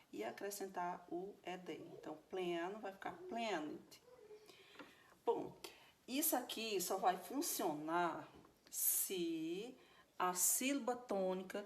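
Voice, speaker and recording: A woman's voice: on the low side, a little hiss or hum. A woman with a Brazilian Portuguese accent teaching English grammar in a recorded video lesson, explaining step by step and often checking that her students follow.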